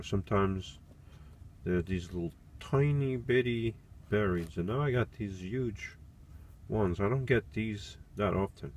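Inside a small camper van, a man in his forties vlogs casually in a lowish voice, thinking out loud while working and often using fillers and restarting. He's a van life vlogger, and there's slight background noise.

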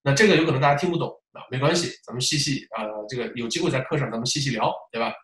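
A test-prep teacher gives a classroom-style lecture in a middle-pitched voice, lively and rapid-fire, full of rhetorical questions as he works through examples aloud. The recording has a roomy echo.

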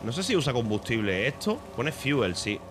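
A man from Spain with a Spanish accent, streaming a game in casual commentary, excitable and swearing, breaking into shouts. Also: medium pitch, moderate pace, background noise.

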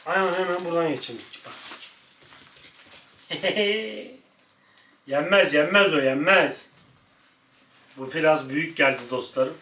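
A slightly high-voiced man runs a casual pet vlog at home, trading friendly asides with viewers for quick scolding of his dog. He sits back from the mic in an echoey room with a faint hiss underneath. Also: far from the mic. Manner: playful, jumps between chatty asides and sharp scolding of the dog. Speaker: pet vlogger.

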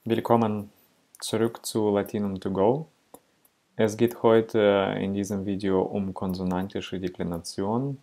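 A man's voice: on the low side, level tone, dark tone. A man teaching a lesson, explaining step by step with patient checks like "right?" and some hesitations. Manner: slow, patient, with frequent "ja?" checks and fillers. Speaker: Latin teacher.

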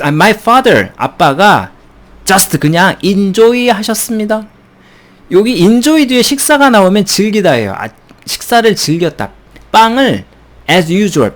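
A man teaching an English textbook lesson in a playful, animated way, with chuckles between points. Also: high voice. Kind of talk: recorded textbook lecture.

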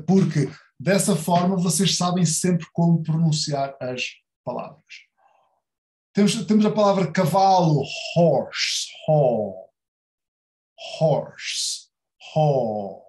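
A man with a European Portuguese accent teaching an English pronunciation lesson. He speaks slowly in a slightly high voice, repeating words again and again. The sound is echoey, as if in a bare room. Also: darkish tone.

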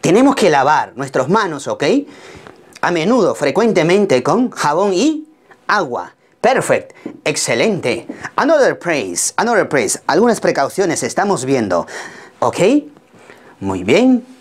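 A woman from Peru with a Peruvian Spanish accent, teaching an English lesson, repeating each phrase slowly and translating it, with frequent encouragement. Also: deep voice, very animated, slightly rough. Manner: encouraging, praises students often. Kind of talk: bilingual classroom lesson.

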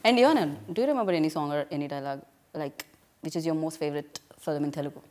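A woman's voice: sits low, lively intonation, rapid-fire, a little mellow. A young woman with a South Indian accent, interviewing casually and switching between languages. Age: young adult. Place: indoor press studio.

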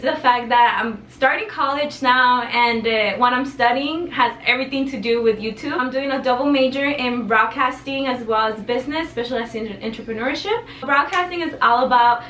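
Talking to the camera from her bedroom with a tapestry behind her, this teenage girl is chatty and animated, her hands always moving. She's from El Paso, raised across the border in Juarez, and Spanish is her native language. She speaks fairly quickly in a fairly high, bright voice; the audio is echoey with a distant mic and slight hiss or hum.

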